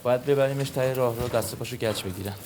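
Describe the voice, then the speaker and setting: An actor playing a man's coworker and friend who gives brisk orders. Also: mid-range voice, noisy background, lightly acted. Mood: gruff. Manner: brisk, commanding. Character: bossy male friend, takes charge.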